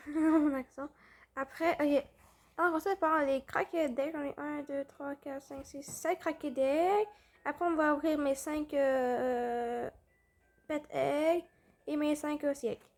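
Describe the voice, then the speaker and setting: A woman's voice: sits high, steady tone, a little slow. A young woman, chatting casually over a game with fillers and restarts. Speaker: gaming video host. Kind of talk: casual gameplay commentary.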